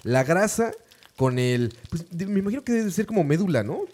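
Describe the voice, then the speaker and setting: A man co-hosting a casual podcast, joking and dropping low and quiet on his asides. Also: big pitch swings, normal speed. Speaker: podcast co-host. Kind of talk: casual chat.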